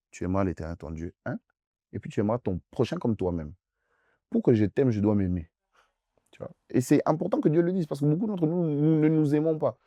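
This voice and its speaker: Young male pastor fielding youth questions; lively, swooping delivery, hammers points home by repeating them. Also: medium pitch, no echo, highs cut off. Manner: emphatic, repeats phrases insistently, addresses listener directly. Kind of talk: preaching in a youth Q&A session.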